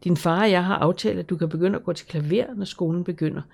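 A narrator voicing a kind aunt in an audiobook, speaking in an encouraging, kindly way. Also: female voice, lowish voice, gravelly, a little mellow, husky. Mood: warm. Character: kind aunt caring for her niece. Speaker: audiobook character.

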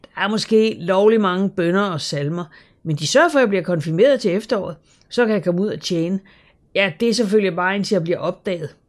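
An audiobook narrator voicing a bold, streetwise girl in her early teens who talks lively and unashamed. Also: medium pitch, voice pushed up, close to an everyday voice. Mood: matter-of-fact. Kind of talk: audiobook character voice.

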